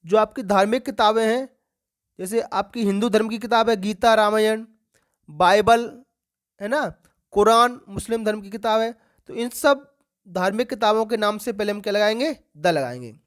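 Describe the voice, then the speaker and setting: A woman teacher leads an exam-prep grammar lesson for schoolchildren. She keeps asking the class questions and then answering them herself. She repeats the key words slowly for emphasis. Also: medium pitch.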